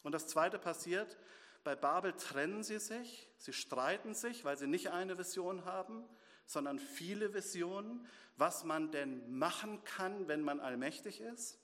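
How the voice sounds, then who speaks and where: Guy preaching in church, fairly high voice, lots of rhetorical questions, long hall echo. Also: a little slow. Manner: lively, asks and answers rhetorical questions. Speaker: pastor. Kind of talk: sermon.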